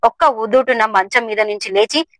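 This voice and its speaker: Woman story narrator; steady, expressive scripted reading, fairly high and bright. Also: normal speed, no room sound, low-quality recording.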